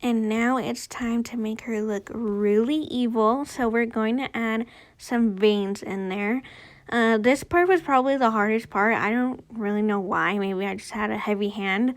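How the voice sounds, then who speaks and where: A woman's voice: a little high, a little slow. A woman with a noticeable lisp from a retainer, narrating a makeup tutorial in a casual, chatty, informal way. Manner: chatty, informal, girlfriend-to-viewer talk.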